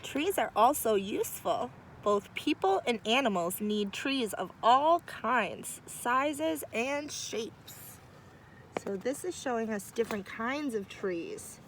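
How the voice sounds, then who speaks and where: Outdoors near some trees, a woman teacher reads a picture book aloud to children in a slow, warm storytime manner, breaking off for lively, chatty asides. Her voice is a little high. The recording is rough, with a bit of hiss or hum.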